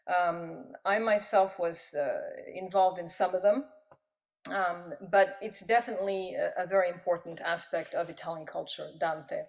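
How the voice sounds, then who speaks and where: A woman's voice: lowish voice, steady tone, normal speed, vocal fry. A middle-aged woman answering interview questions thoughtfully, with frequent ums. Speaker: guest, professor and poet.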